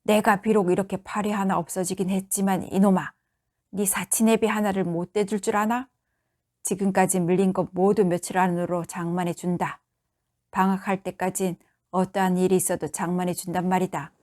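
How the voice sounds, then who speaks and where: A woman doing a drunk, shouting father with a Gyeongsang accent. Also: medium pitch, normal speed, natural voice. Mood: drunken scolding. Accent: Gyeongsang dialect. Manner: shouting, slurred scolding. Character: drunk one-armed middle-aged father, loud and blustering.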